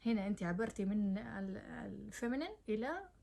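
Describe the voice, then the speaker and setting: A woman's voice: mid-range voice, animated, fairly quick, vocal fry, mellow. Brief: young woman, chatty advice vlogger, talks straight to the viewer and mixes in English words. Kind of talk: casual advice talk to camera.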